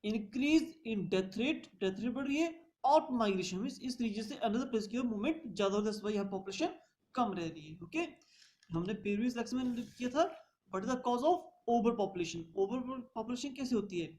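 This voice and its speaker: A woman's voice: on the high side, animated, moderate pace, warm tone, slight background noise. A woman teaching a revision lecture, reading points out in English and explaining them in Hindi.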